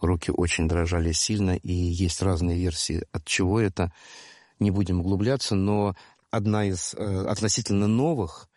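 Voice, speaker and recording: A man in his sixties telling a story in a conversational, digressive way, with halting restarts. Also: low voice, fairly even intonation, a little mellow, no echo, studio quality. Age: 60s. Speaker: storyteller guest.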